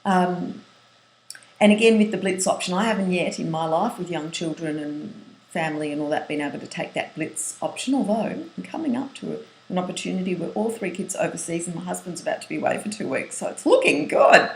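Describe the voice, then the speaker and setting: Low-voiced woman teaching a writing webinar. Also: expressive, a little fast, creaky. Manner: earnest, lists points, restarts phrases. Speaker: writing coach. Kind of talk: webinar lesson. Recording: roomy echo, faint hiss.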